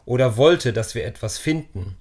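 A man voicing a quiet, thoughtful schoolgirl in a storybook reading, calm and soft-spoken. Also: medium pitch, moderate pace, husky.

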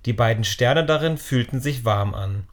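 A man narrating a children's story in a calm, measured reading voice. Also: mid-range voice.

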